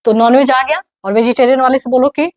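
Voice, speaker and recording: A young woman with an Indian accent, teaching an online English grammar class and sounding out words slowly. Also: sits high, steady tone. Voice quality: slow, drawn-out pronunciation drills.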